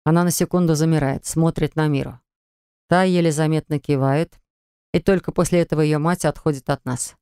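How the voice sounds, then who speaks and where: Smooth woman audiobook narrator. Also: sits low, fairly even intonation, fairly quick, mellow, no echo, clean studio sound. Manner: wry, conversational narration. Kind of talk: scripted first-person audiobook narration. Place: recording studio.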